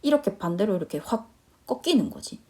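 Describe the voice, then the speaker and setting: Young woman teacher going over a reading passage, mellow voice, reads slow then rattles off explanations. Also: medium pitch, sing-song. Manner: reads English phrases slowly, then explains them quickly with many checking questions. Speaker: English teacher. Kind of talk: online lecture explaining an English reading passage.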